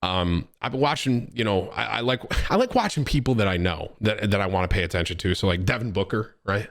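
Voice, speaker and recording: A young man from Syracuse, New York, hosting a stream in casual, animated chat: he reacts to clips and reads donations, says bro and man a lot, and swears. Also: on the low side, fairly quick. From Syracuse, New York, USA. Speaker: streamer and host.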